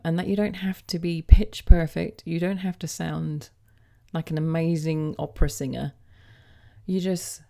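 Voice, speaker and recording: Woman, low and mellow, easygoing teacher walking through a toning demo with soft hesitations. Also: vocal fry. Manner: gentle, hesitant with frequent ums. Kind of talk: casual explanatory demonstration.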